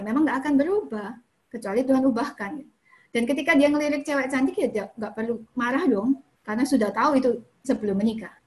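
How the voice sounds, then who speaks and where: A woman speaking at a church fellowship in a chatty advice talk, often asking questions and answering them herself. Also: sits high. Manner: chatty, often ends points with "kayak gitu" and "gitu ya"; asks the listeners questions and then answers them. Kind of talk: casual advice talk on dating and marriage.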